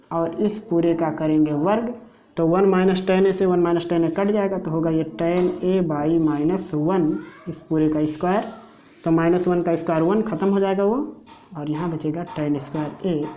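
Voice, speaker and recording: A woman teaching math at a very unhurried pace, patiently talking through every step of a proof. Her voice sits a little low and sounds warm. The recording is muffled and lo-fi. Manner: patient, walks through each step aloud. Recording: dull lo-fi recording.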